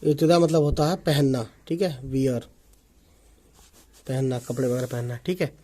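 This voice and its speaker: A man teaching an Urdu writing lesson in Hindi, repeating words slowly and often checking that viewers follow along. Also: medium pitch, steady tone, mellow. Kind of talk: online language lesson. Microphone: omnidirectional desk microphone.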